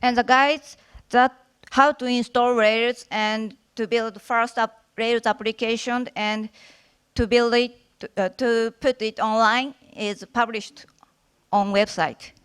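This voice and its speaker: Casting: woman, Japanese accent, highish smooth voice, careful halting delivery of a prepared short talk. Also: steady tone, a bit bright. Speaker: conference speaker, workshop organizer. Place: conference stage.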